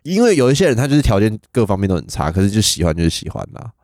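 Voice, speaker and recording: Guy hosting a podcast, teasing a lot, fairly low voice, dry close mic. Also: sing-song, rapid-fire, darkish tone, dry recording. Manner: teasing, playful interjections. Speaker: podcast host. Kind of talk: casual podcast chat.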